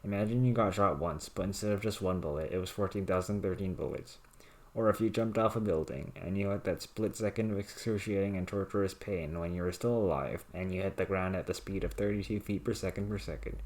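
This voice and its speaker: Man, low-pitched voice, monotone, deadpan, reading aloud from written rants. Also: brisk.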